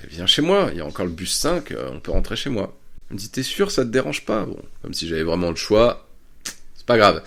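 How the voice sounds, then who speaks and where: Male podcast host, gravelly low voice, lively swings in pitch, crude casual anecdotes. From France. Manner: crude, chatty, laughing often. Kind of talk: casual storytelling. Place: Bordeaux area.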